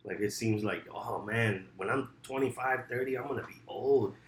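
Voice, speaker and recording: A man's voice: mid-range voice, normal speed. A man chatting casually, reacting and teasing with slangy, profane interjections. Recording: echoey room with noticeable background noise.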